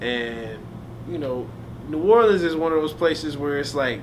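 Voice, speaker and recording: A man's voice: a little high, expressive, a little slow. A young man, a hip hop artist, telling stories about his life in a casual, slangy, laid-back way during an interview. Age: young adult. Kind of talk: casual storytelling. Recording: noisy ambience.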